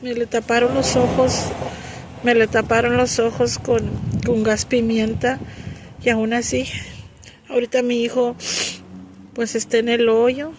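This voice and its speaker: A middle-aged woman speaks in a high voice, giving an emotional personal testimony. She falters and restarts often and sounds fervently religious and close to tears. Faint noise sits under her voice. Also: level tone, a little slow, pauses often. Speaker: mother sharing a testimony.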